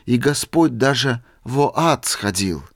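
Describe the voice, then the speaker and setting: Male reader doing a shy holy fool, soft, slow, lively contour. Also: medium pitch, dry recording, clean studio sound. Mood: meek. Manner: quiet, simple, humble telling. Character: meek young holy fool, gentle and shy.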